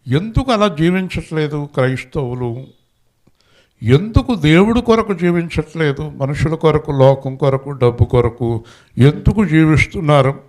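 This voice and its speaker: A man's voice: on the high side, expressive, moderate pace, darkish tone. A male pastor preaching a Christmas sermon, telling a story and urging the congregation to respond aloud.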